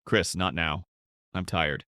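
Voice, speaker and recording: A man's voice: low voice, fairly even intonation, takes it slowly, bright, forceful tone, clean tone, no room sound, clean studio sound, pitched below the performer's own voice, full character voice. A man reading as a curt, irritated wife. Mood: annoyed. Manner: curt, dismissive replies. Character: irritated middle-aged wife, cold and defensive. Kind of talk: scripted story narration.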